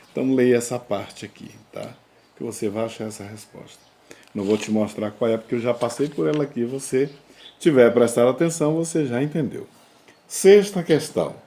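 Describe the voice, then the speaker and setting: A man's voice: mid-range voice, warm tone. A male language teacher giving a remote class, explaining step by step and often checking in with his students. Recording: roomy echo.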